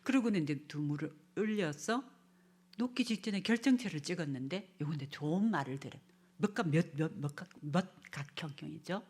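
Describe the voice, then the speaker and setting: A woman's voice: deep voice, a little mellow, husky. A woman giving a lecture at a church family seminar, acting out parents' and children's lines and sometimes dropping to a whisper.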